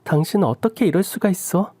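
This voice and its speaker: A woman's voice: fairly low pitch, brisk, dark tone, no room sound, close to an everyday voice. A woman voicing a fed-up young daughter-in-law who reproaches her husband in a radio drama. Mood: reproachful. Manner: pleading and reproachful.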